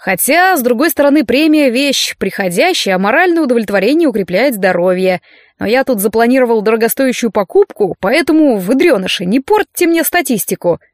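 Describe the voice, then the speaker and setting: A stern, sarcastic male mentor from a fantasy audiobook, voiced by a woman reader, mocking his students and barking orders. The delivery is dry and close, with no room sound, and stays a touch higher than a man's voice would. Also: expressive, brisk, no echo, close to an everyday voice. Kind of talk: audiobook character voice.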